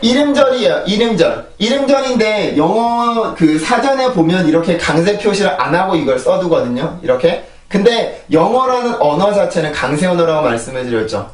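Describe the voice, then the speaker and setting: A man's voice: high-pitched, very animated, moderate pace, hardly any pauses. A man teaching English pronunciation in a lecture, explaining sounds and repeating them in drills, often checking in with his listeners. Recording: echoey room, voice a bit distant from mic.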